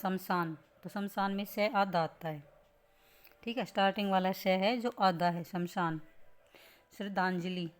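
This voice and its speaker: In a spelling lesson for exam students, a woman patiently breaks down correct spelling step by step, tossing in rhetorical questions. Her medium-pitched voice is steady in tone and a little slow.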